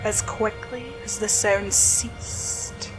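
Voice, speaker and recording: A woman narrating a horror story slowly and dramatically, dropping to a hush at tense moments. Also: mid-range voice, fairly even intonation. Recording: spooky music bed under voice.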